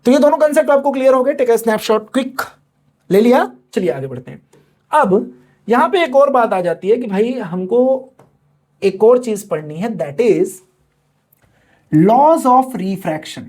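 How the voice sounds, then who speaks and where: Guy teaching a class, drags out words slow like dictation, keeps asking then answering himself. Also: extremely high pitch, expressive, a little mellow. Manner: dictates slowly word by word, asks and answers his own questions. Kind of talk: classroom lecture.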